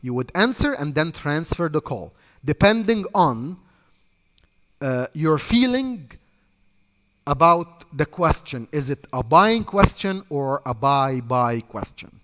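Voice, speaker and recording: An Egyptian-accented sales trainer instructs trainees in a reverberant hall, speaking slowly with a high, very animated, fairly bright voice. He coaches emphatically and repetitively, without a script.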